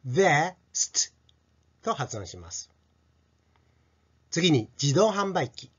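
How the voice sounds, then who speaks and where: A middle-aged man teaching pronunciation to children, stretching out each sound slowly as he demonstrates it, on a dull lo-fi recording. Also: a little high, sing-song, husky. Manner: slow, drawn-out sound demonstrations. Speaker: English teacher.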